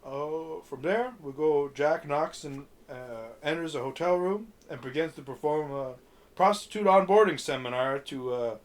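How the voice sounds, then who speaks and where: A man's voice: on the high side, moderate pace. Casual man recapping a movie. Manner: rambling, many fillers and restarts, reads from notes. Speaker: podcast host.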